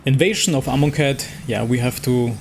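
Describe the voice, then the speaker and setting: Playing a digital card game, the host muses aloud over his choices with some hesitation in a casual commentary. He has a mid-range, creaky voice at a moderate pace, and there's a little hiss or hum alongside background music.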